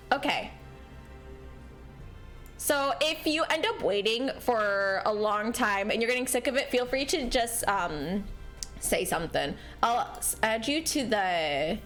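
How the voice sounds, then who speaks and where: Bubbly, high-pitched cute woman streamer. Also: takes it slowly. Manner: bubbly, cute, excitable streamer greetings and exclamations; giggly, apologetic. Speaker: game livestreamer. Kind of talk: casual livestream chat while gaming. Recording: music behind the voice. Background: music.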